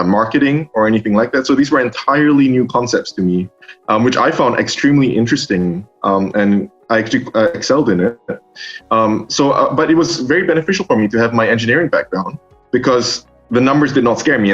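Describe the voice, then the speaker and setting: A young man from Singapore, a master's student, answering interview questions in a halting way full of ums and restarts. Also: mid-range voice. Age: young adult. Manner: hesitant, many ums and restarts. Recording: dull lo-fi sound with faint music.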